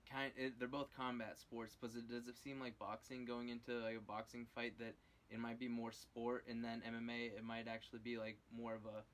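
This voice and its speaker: A man's voice: medium pitch, level tone, brisk, few pauses, a bit bright. A man interviewing a fighter, asking in a hesitant, loosely phrased way. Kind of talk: casual interview.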